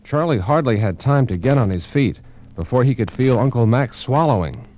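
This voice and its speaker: A man giving clear, even scripted narration of a children's storybook. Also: medium pitch, moderate pace, slight background noise.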